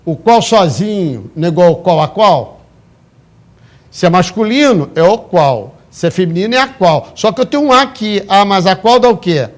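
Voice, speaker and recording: High-voiced man teaching grammar. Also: big pitch swings, moderate pace. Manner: emphatic, explains step by step with frequent check-in questions. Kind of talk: live exam-prep class lecture. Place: classroom, also streamed online.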